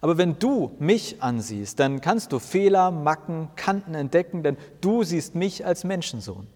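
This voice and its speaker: A man voicing Jesus as a calm, knowingly smiling grown man who explains things patiently in a storybook tale. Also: a little high, moderate pace. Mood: patient explaining. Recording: long reverb.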